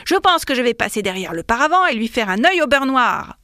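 Woman doing belligerent bald male copyist, roaring, raised higher pitch, loud, dry close sound. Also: animated, moderate pace, clean tone, dry recording. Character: hot-tempered bald male office copyist.

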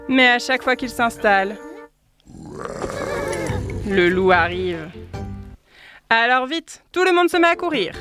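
A woman who works as a librarian, giving a clear, lively scripted presentation of children's books and apps. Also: fairly high pitch. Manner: clear, lively storytelling delivery.

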